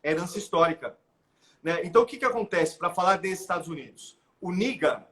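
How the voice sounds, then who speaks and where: A middle-aged man with a Brazilian Portuguese accent, explaining his views as the guest of a live interview, animated and full of "né?" tags and restarts. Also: high-pitched, brisk. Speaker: guest expert.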